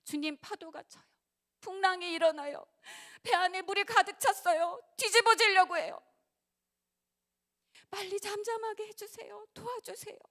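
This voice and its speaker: Sermon role: woman voicing panicked disciples, high, bright, shouting pleas. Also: steady tone, normal speed. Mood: desperate pleading. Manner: pleading, shouting, high and strained. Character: frightened disciples crying out in a storm, men.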